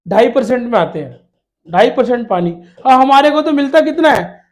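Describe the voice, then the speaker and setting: A man's voice: extremely high pitch, animated, normal speed, darkish tone. A male teacher giving an exam-prep lesson to children, addressing them fatherly as "beta" and asking questions he answers himself, repeating key words. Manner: calls students "beta" in a fatherly way.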